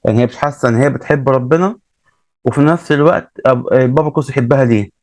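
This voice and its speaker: Egyptian male storyteller, quick and casual, repeats himself, dry close mic. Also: mid-range voice, a little mellow, no room sound. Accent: Egyptian Arabic. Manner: retells events with many repeats and restarts.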